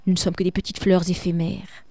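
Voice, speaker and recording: A woman's voice: on the low side, little pitch movement, fairly quick, warm tone, no room sound. A woman teaching a poetry analysis lesson, talking in a reflective way, restarting phrases and often adding a tag question. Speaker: literature teacher.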